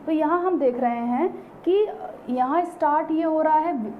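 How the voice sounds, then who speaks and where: High-voiced woman teaching, tinny sound. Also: a little slow. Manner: explains patiently, asks the class rhetorical questions. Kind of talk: online grammar lesson. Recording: tinny phone-like recording, faint hiss.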